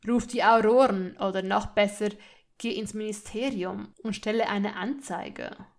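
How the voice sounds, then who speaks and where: A woman reading a fan audiobook puts on an arrogant young man who mocks in a calm, unhurried drawl. His voice stays level and amused. Every sneering line comes out slow and relaxed. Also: mid-range voice, natural voice. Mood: mocking.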